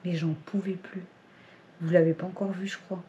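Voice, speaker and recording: Chatty woman with a very dark voice. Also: lowish voice, level tone, normal speed, muffled recording, slight background noise. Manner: chatty, rambling, laughs often. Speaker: family vlogger. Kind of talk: casual vlog chat to camera.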